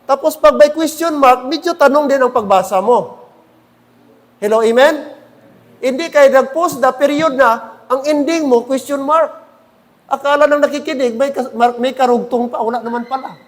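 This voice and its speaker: High-pitched man preaching. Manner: preaching with frequent calls for "Amen?". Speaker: pastor. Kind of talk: sermon. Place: church.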